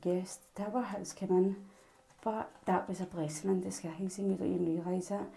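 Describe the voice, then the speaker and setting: Glaswegian woman with a low, gravelly voice. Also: fairly even intonation, fairly quick, mellow, poor audio. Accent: Glaswegian Scottish. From Glasgow, Scotland. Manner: rambling, intuitive, speaks straight to the viewer. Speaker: tarot reader. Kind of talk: casual tarot reading to camera.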